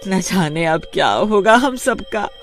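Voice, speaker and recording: A man voicing a fussy old mother-in-law in a kids' storybook, scolding and wailing in a shrill voice. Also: a little slow, soft background music. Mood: panicked, wailing. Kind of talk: storybook voice acting.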